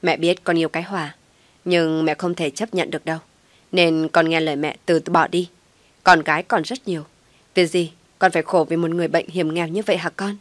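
A woman's voice: low voice, fairly even intonation, fairly quick, no echo, close to an everyday voice. A woman voicing a stern, angry older mother who scolds harshly in an audio story.

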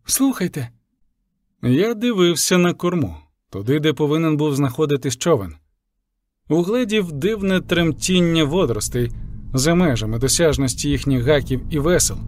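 Casting: male audiobook narrator, measured, fairly high pitch, dry booth. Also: animated, a little mellow, no room sound. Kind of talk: first-person audiobook narration.

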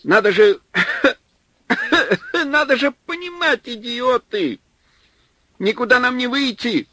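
A man reading an audiobook, voicing a panicky, whining male supply clerk who shouts in a shrill, complaining way. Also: animated, takes it slowly, slightly rough, dry recording, full character voice. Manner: shrill, complaining, near hysteria.

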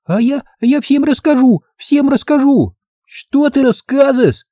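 A man's voice: very high voice, animated, a little slow, dark tone, no room sound, clean studio sound, voice pushed up. A man voicing a small girl who shrieks and scolds while playing house. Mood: scolding.

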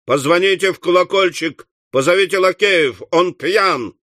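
A man's voice: high voice, normal speed, dry recording, clean studio sound, pitched above the performer's own voice. A man voicing an irascible, blustering old country squire in an audiobook, bellowing in fury. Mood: furious. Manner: loud, furious bellowing.

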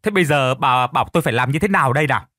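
A gruff old farmer husband grumbles and scolds, his voice rising and falling with exasperation. A man acts him out in a dry, close recording. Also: medium pitch, lively intonation, fairly quick, fairly bright tone, dry recording. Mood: exasperated. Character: gruff older farmer husband, irritable but softening.

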